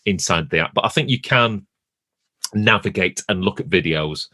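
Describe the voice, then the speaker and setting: A man's voice: deep voice, expressive, moderate pace, pushed and bright, no echo. A man chatting casually as a podcast co-host, often restarting phrases as he thinks aloud.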